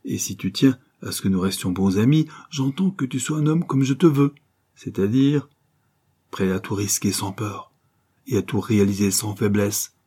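A man's voice: on the low side, normal speed, warm tone, slightly rough. A man reading an audiobook, voicing a scheming, ruthless adventuress who speaks in a biting, commanding way.

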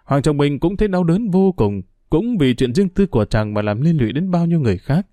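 A man narrating a novel in a steady storytelling manner. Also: a little high, a little fast, no room sound. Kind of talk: audiobook narration.

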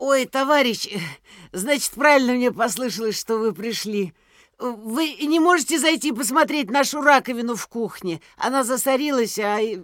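A woman's voice: a little high, normal speed, fairly bright tone, no echo, close to an everyday voice. An actress voices a fussy neighbour woman, flustered and apologetic, stumbling over her words as she asks for help. The sound is dry and close. It is an audio drama. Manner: hesitant, stammering, apologetic.

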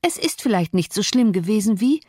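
Woman doing a chattering middle-aged housemaid, gossipy, high and eager, audiobook, dry close sound. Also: animated, brisk, a little mellow, slightly rough, no echo.

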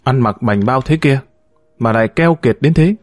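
A man voicing a feisty, sharp-tongued woman near thirty who bickers and teases, in a read-aloud story. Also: mid-range voice, dry recording, natural voice. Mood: angry. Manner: brash, quick to bicker and tease.

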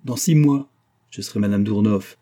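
A headstrong, frivolous young society woman, proud and quick to defy, as a male reader voices her. Her voice is lifted above the reader's own, still dark and husky, in a storybook reading. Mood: defiant. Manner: raised pitch for young woman.

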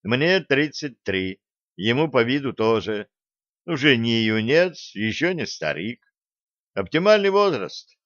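A brash, bold space captain , as a male reader voices him, pushing his lines with lively, decisive energy. The voice sits a touch above the reader's own, dry and a little muffled. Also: medium pitch, slow, dry recording. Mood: wry. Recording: dull lo-fi dry recording.

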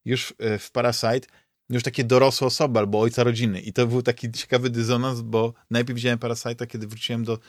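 A man's voice: mid-range voice, level tone, fast talker, no echo. Rambling man in a dry podcast chat. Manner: rambling, many restarts and fillers. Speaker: podcast co-host. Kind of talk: casual chat.

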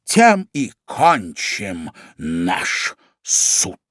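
A man's voice: low-pitched, huge pitch swings, extremely slow, a bit bright, no room sound, studio quality, heavily acted. A man voicing a self-important cat who appoints himself judge, speaking pompously and with menace.

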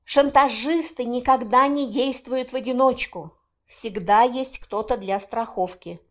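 A woman reading an audiobook, voicing a menacing male inquisitor who hisses and barks orders in a slow, cold way. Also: very high voice, voice pushed up. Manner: hissing, cold and scolding.

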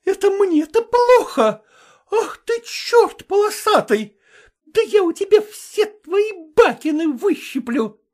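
A furious, jealous mistress shrieks and screams accusations, as a male narrator puts her on. Her voice sits very high and swings wildly. It is a storybook reading. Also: big pitch swings, slow pace, full character voice. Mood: screaming. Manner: screeching, shouting accusations. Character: furious shrill middle-aged woman, jealous mistress.

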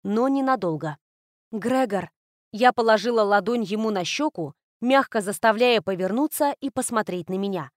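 A woman narrating a novel in the first person as an audiobook reader, with a steady storytelling delivery. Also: mid-range voice, normal speed, hardly any pauses, no room sound, clean studio sound.

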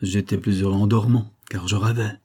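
A man voicing a sick, exhausted and vengeful male vagabond who speaks gruffly and bitterly. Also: lowish voice, level tone, moderate pace, warm tone.

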